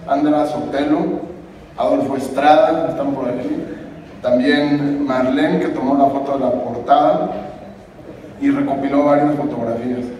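Guy in his 30s thanking everyone at a book launch, a bit high voice, far off mic in a big echoey hall. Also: a little mellow. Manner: polite, earnest, grateful. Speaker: rejoneador and book author. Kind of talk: thank-you speech and interview answers. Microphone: table microphone at the panel. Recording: distant, echoey hall with background noise.

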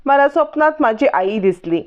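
A woman's voice: sits high, expressive, moderate pace. A woman voicing a scheming young woman who wails in put-on distress. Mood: distraught. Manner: wailing, melodramatic. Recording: dull lo-fi recording.

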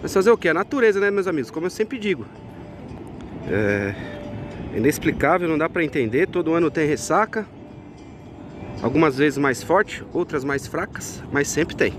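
A man's voice: a little high, expressive, moderate pace, long pauses, noisy background. A man, chatting casually to viewers while walking a market and a beach, recorded on a handheld phone outdoors. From Brazil. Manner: chatty, keeps addressing viewers as friends. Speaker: vlogger.

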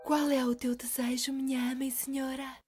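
A woman's voice: high-pitched, level tone, normal speed, a little mellow, soft background music, natural voice. A woman voicing a serene, obliging female genie in a cartoon dub.

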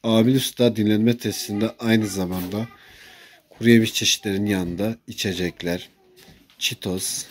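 A man's voice: fairly low pitch, fairly even intonation, moderate pace, breathy edge. A man presenting a local promotional video in semi-improvised narration. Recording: noisy on-location sound with ambience.

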